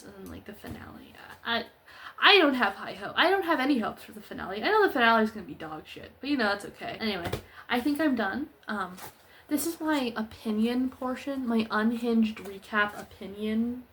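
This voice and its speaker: A woman's voice: fairly high pitch, fairly bright tone, slight background noise. A young woman ranting sarcastically in a casual, slangy, rambling video recap full of fillers. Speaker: vlogger.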